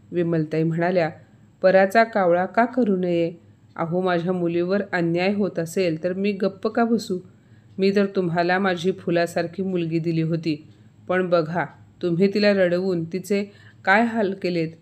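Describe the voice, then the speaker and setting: A woman narrating a scripted family story, reading every character's lines in one steady voice. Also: fairly low pitch.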